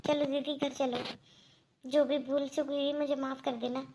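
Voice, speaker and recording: Lady doing a sorry cartoon mother-in-law, hushed and pleading, highish but flat. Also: normal speed, a little hiss or hum. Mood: remorseful. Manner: quiet, apologetic pleading. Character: remorseful middle-aged mother-in-law, soft-spoken.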